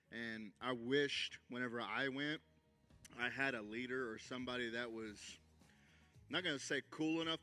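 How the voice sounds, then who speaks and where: A man's voice: medium pitch, sharp tone. A man who wants to be a youth pastor, sincerely telling why he goes to camp. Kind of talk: casual testimony.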